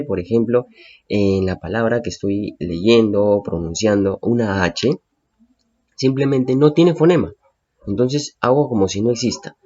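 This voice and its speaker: Husky guy teaching a phonetics class, patient, keeps repeating stuff, kinda dull lo-fi sound. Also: on the low side, a little mellow. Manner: patient, repeats and checks with "¿bien?". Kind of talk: phonetics lesson for students.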